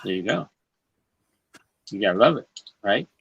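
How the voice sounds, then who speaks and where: A man hosting a casual online chat, animated and quick to laugh. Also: fairly low pitch, creaky, slight background noise. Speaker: host. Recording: dull lo-fi call audio.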